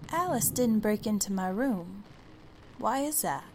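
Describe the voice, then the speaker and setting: Brief: prim, indignant schoolgirl, voiced by a woman, slow and proper, hiss behind. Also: mid-range voice, animated, voice pushed up, close to an everyday voice.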